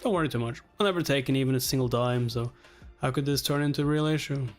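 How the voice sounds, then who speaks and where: This reaction channel host speaks at a quick pace, faint music in the background, while dramatically performing a webtoon's lines and captions and switching pitch for each character.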